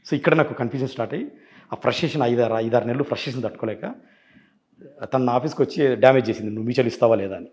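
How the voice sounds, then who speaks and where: A man's voice: medium pitch, rapid-fire, darkish tone. A man as an interview guest, telling his side insistently and acting out past phone calls. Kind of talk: rapid interview account.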